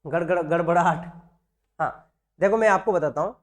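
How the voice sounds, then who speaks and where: A man's voice: fairly high pitch, normal speed. Man lecturing with constant tag questions. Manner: repeats key words, frequent "है ना" tag questions; asks and answers own questions. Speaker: nursing exam teacher. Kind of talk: classroom lecture.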